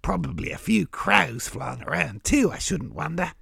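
Gravelly, blokey Australian cartoon crow. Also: male voice, on the high side, very animated, moderate pace, pushed and bright, no room sound, studio quality, exaggerated voice. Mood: chatty, matey. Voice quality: gravelly, raspy. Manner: blokey, casual tradesman-like slang and folksy asides. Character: cheerful matey Australian crow, amateur history explainer. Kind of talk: scripted comic educational dialogue.

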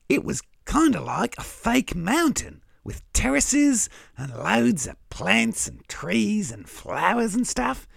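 A man voicing a cheerful, matey crow with an Australian accent, explaining things in casual tradesman-like slang with a gravelly, raspy voice. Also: high voice, no room sound, studio quality, exaggerated voice. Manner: blokey, casual tradesman-like slang and folksy asides. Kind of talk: scripted comic educational dialogue.

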